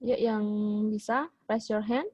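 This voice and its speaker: A woman's voice: fairly high pitch, slow pace, a little mellow, slightly rough, no room sound. A woman teacher with an Indonesian accent, explaining a hospitality English lesson with many fillers and English phrases mixed in. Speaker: vocational school English teacher. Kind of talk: online class lesson.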